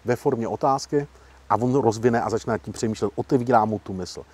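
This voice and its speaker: A man who works as a professional negotiator, explaining his methods in an interview in a lively, emphatic way. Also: mid-range voice, slightly rough. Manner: lively, emphatic, acts out example quotes. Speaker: professional negotiator, guest speaker.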